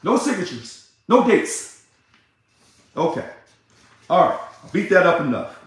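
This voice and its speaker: A man, an ousted union leader, delivering a combative, sarcastic ranting monologue that repeats itself and bursts into shouting. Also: on the high side, big pitch swings, slow pace. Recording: very echoey room.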